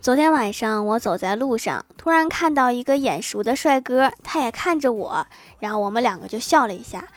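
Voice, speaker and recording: Bright-voiced woman reading jokes. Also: a little high, brisk. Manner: chuckles at her own punchlines; animated delivery with punchy raised lines. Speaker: podcast host. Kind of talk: reading jokes on a comedy podcast.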